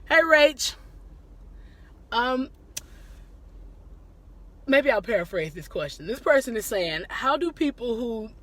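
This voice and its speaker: A woman's voice: on the high side, big pitch swings, takes it slowly, long pauses, fairly bright tone. Woman, live-stream host, easygoing and chatty, breaks to laugh and greet viewers. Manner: laughs often, greets viewers by name mid-talk. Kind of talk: casual live-stream chat answering viewer questions.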